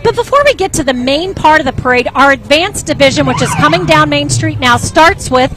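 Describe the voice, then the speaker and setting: A woman's voice: high voice, expressive, brisk. A woman hosting live event commentary outdoors in a chatty, enthusiastic, casual manner. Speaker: parade broadcast host. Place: outdoors on a street at a parade. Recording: street crowd, traffic and loud music behind. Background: music, crowd, vehicles.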